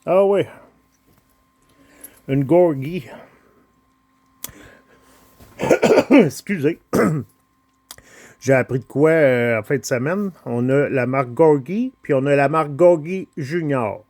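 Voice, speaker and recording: A Quebec French man in a casual vlog, showing off his toy car collection. He speaks very slowly and hesitantly, with many filler sounds. The recording is close and dry, with almost no room echo. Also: a little high, a little mellow. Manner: slow, hesitant, full of pauses and filler sounds.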